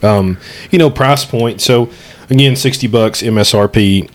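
A man's voice: medium pitch, measured pace. A man with an Eastern Kentucky accent hosting a casual whiskey review chat.

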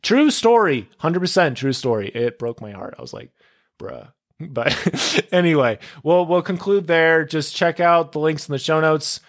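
A young man alone on his podcast talks in an expressive, higher-pitched voice at normal speed. His casual monologue rambles and wanders off on tangents, sprinkled heavily with "like" and "dude."

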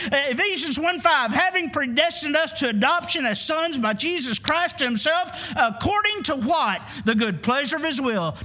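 A church pastor, a man in his fifties, delivers an emphatic call-and-response sermon, asking the congregation for answers. He speaks with a very high-pitched, pushed, bright voice.

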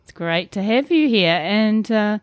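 A woman's voice: medium pitch, measured pace, dry recording. Woman hosting a podcast, dry and close. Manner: warm scripted introduction, then relaxed chat. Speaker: podcast host. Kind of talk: podcast interview.

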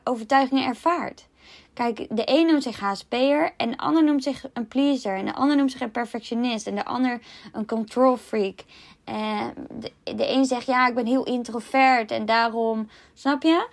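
A woman, a life coach explaining ideas calmly in a solo podcast, with self-mocking asides. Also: high voice.

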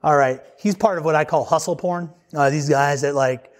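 A man's voice: a little high, normal speed. Casually joking male preacher. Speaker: pastor. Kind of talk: sermon to young men.

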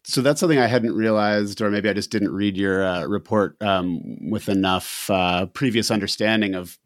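A man hosting a casual climbing podcast with a low voice. He talks haltingly and stops often for ums and uhs. The sound is dry and close. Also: no room sound. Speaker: podcast host.

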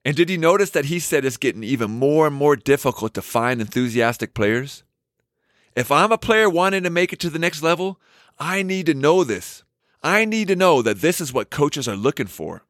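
Male basketball coach, animated and lively delivery, slightly higher voice, dry close sound. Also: moderate pace, dry recording. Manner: energetic, emphatic, shouts catchphrases. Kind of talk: motivational talk.

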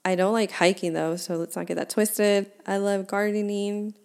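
A woman's voice: medium pitch, little pitch movement, moderate pace, creaky, darkish tone, clean tone. A woman in her twenties hosting her own podcast, talking candidly and chattily and laughing at herself. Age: 20s. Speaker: podcast host. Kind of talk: casual solo podcast talk.

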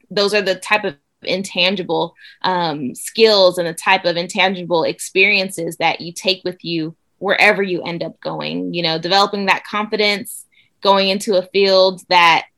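A woman's voice: on the low side, a bit bright. A young adult woman from Nigeria, a doctor guest answering interview questions with upbeat enthusiasm. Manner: enthusiastic, upbeat, frequent fillers.

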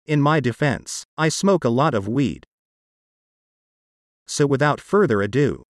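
A man's voice: mid-range voice, animated, unhurried, no room sound, studio quality. A man's computer-generated voice, like an old speech synthesizer, reading scripted narration as a podcast host.

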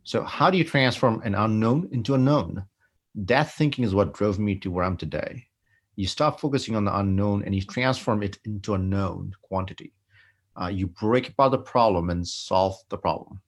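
In an interview conversation, a company founder from Bangladesh answers questions thoughtfully, explaining his ideas step by step and repeating words as he goes. His voice is on the low side and his pace is moderate.

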